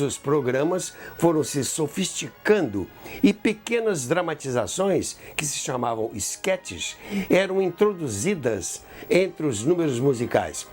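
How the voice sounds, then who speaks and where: This Brazilian host of a radio history podcast tells a scripted story with theatrical flair and casual asides. His voice leans high and is a little mellow.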